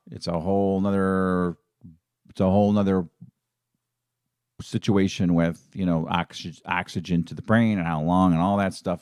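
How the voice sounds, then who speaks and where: A middle-aged man hosts a casual live stream in a fairly low voice. He talks in an emotional, rambling way and often restarts his sentences. The sound is dry and close, with no room echo. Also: darkish tone, smooth. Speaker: fan channel host.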